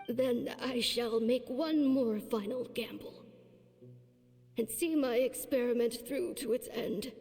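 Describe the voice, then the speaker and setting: A woman's voice: on the high side, gravelly, a little mellow, big-room sound. A woman voicing an old, ailing mentor doctor in a video game, with an aged, faint, frail voice and a grave, weary manner. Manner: slow, grave, deliberate delivery. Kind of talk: video game story dialogue. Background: music.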